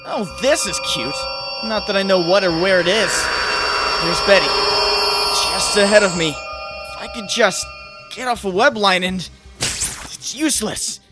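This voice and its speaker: A man playing an earnest, quippy young superhero in a comic dub, wry and animated as he talks to himself. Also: high voice, measured pace, pauses often, over loud music, poor audio. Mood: dazed, wry.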